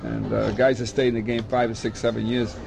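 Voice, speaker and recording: A man's voice: medium pitch, little pitch movement, fairly quick, vocal fry. An older man from the Dominican Republic, a baseball scout, talking at length in an oral history interview and often repeating himself as he goes. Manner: rambling, repeats words and restarts often.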